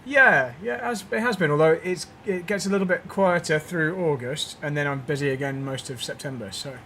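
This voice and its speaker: A man coaching a driver over a voice call, relaxed and chatty, his sound echoey from the wrong microphone. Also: on the high side, brisk, a little hiss or hum. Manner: relaxed, chatty, many restarts. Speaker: sim racing coach. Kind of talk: casual coaching chat on a call. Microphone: computer microphone on a voice call.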